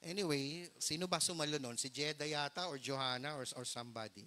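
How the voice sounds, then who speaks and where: A man's voice: fairly high pitch, fairly quick, bright, forceful tone. A middle-aged man preaching a storytelling sermon as pastor, earnest and mixing English phrases into his Tagalog.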